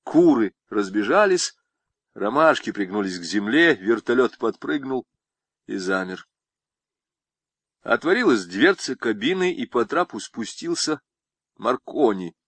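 Expressive male audiobook narrator. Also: mid-range voice, unhurried, pauses often, no room sound. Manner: expressive, ironic storytelling.

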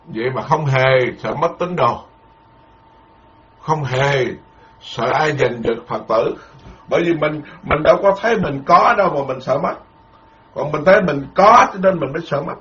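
Folksy monk preaching, lo-fi. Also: male voice, a little high, lively intonation, moderate pace, fairly bright tone. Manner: repetitive, folksy, emphatic with proverbs. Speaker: Buddhist monk teacher. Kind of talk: dharma lecture. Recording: dull lo-fi lecture recording.

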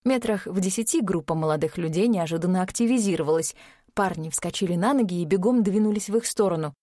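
A woman narrating an audiobook in a steady, expressive reading. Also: on the low side, quick pace, dry recording, studio quality. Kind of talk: scripted narration of a crime novel.

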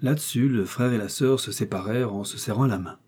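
A man reading a classic novel aloud in steady, measured scripted narration. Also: mid-range voice, slightly rough. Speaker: audiobook reader.

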